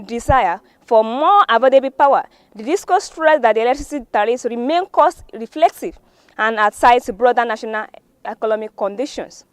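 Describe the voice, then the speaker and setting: A Nigerian-accented woman reads a scripted newspaper review in the studio, formal in delivery but with the odd stumble. Her voice sits high and there's no room sound.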